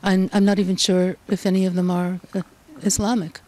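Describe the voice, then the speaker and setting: A woman from Canada speaks as an interviewed journalist, her voice mellow and a little low. She answers in a measured, thoughtful way, pausing often to find her words. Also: little pitch movement. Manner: measured, thoughtful, frequent ums.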